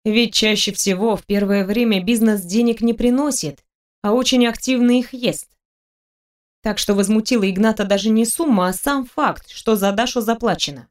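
A woman narrating an audiobook in an even storytelling manner. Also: a little high, moderate pace. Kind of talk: scripted narration.

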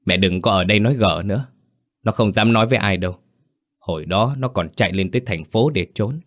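A man's voice: lowish voice, natural voice. A man playing a cold, scheming young man who speaks curtly and with resentment. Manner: curt, cold, quick and resentful.

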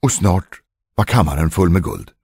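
A man reading a fairy tale aloud in a lively, expressive way. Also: sits low, vocal fry, slightly rough, no echo. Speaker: storyteller.

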